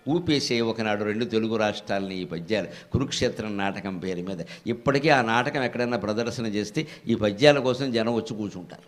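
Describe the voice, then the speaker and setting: An older man giving a devotional discourse, telling stories with lively acted-out dialogue and bursting into slow, sung verse recitation. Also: lowish voice. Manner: animated storytelling with acted-out dialogue. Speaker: Telugu discourse speaker.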